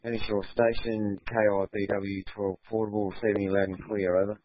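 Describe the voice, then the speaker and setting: A man's voice: lowish voice, flat delivery, a little fast. A man radio operator answering a check in terse radio procedure, fading in over a two-way radio through static. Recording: dull lo-fi radio transmission.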